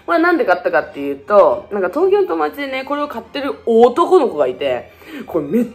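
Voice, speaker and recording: A young woman with a chats quickly through a shopping haul and jumps between playful tangents and jokes at her own expense. Her pitch swings up and down a lot as she talks. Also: big pitch swings, soft background music. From Fukuoka, Japan. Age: 20s. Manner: joking, self-mocking, playful tangents. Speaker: beauty vlogger. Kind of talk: casual shopping haul vlog.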